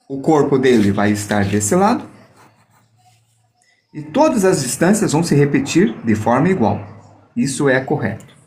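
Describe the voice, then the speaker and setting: During a live online drawing lesson about reflections, a man walks viewers through each step, demonstrating with a mirror and playfully joking as he goes. His mid-range voice is very animated and a little mellow, at normal speed with frequent pauses.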